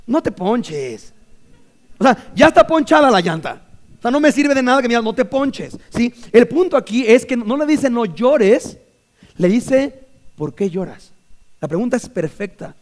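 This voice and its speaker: Pastor with a Mexican accent, high voice, lively joking sermon delivery. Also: male voice. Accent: Mexican Spanish. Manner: lively, jokey preaching with quick asides and acted-out quotes. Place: church.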